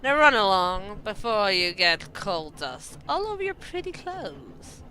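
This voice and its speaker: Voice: mid-range voice, big pitch swings, unhurried, sharp tone, a little hiss or hum, poor audio. A streamer putting on a posh, teasing coal-shoveler woman. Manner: teasing, haughty.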